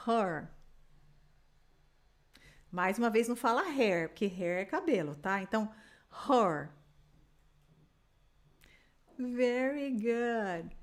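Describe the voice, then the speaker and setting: A woman from Brazil teaching an English lesson in Portuguese, patiently drilling words slowly for the listener to repeat. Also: medium pitch. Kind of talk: online language lesson.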